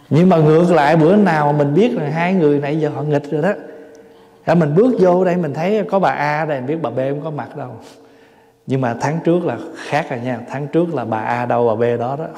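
A man's voice: on the high side, creaky, dark tone, long reverb tail. A man in his forties with a Southern Vietnamese accent, a monk giving a dharma talk in a conversational, humorous way and putting questions to the audience. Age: 40s. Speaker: Buddhist monk teacher.

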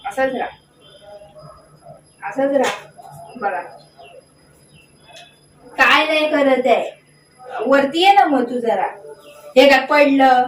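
A woman's voice: sits high, lively intonation, slow, pauses often, a little hiss or hum. A young woman talking casually to her pet dogs at home, coaxing and fondly scolding them with short repeated commands. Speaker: pet vlogger. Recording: roomy echo, mic at a distance.

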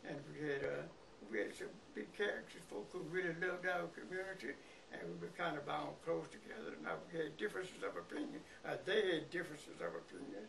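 A very old man of about a hundred with a Southern US accent and an aged, creaky voice, reminiscing haltingly in an interview. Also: fairly high pitch, a bit bright. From Mississippi, United States. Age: very old, about 100. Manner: halting, repeats words and pauses. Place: living room by a window, indoors. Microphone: camera a few feet away. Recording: noisy, distant room camera recording.

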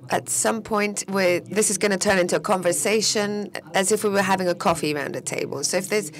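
A woman provides simultaneous interpretation of a panel discussion in a mid-range voice. The delivery is even but a bit halting, with occasional restarts while she follows every speaker.

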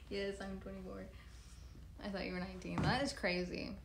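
A livestream host in her twenties talks casually and swears a lot while replying to viewer comments. She has a medium-pitched voice with vocal fry. Her phone, held at arm's length, picks up an echoey large plain room and a noisy background.

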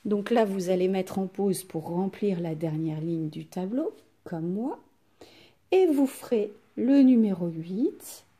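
A woman teaching a reading lesson to young pupils, speaking slowly and stretching out each sound. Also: mid-range voice, lively intonation, warm tone. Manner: slow, clearly articulated, stretches out sounds. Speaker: primary school teacher.

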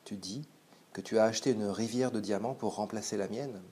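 A man reading as a hushed, elegant Parisian lady. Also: fairly low pitch, steady tone, fairly quick, close to an everyday voice. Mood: astonished.

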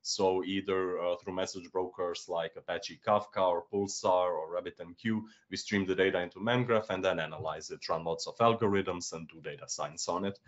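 A man's voice: sits low, fairly even intonation, moderate pace, hardly any pauses. A young man with a Croatian accent, explaining technical topics on a video call with many uh fillers. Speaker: developer relations engineer. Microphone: headset on video call. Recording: dull lo-fi call audio.

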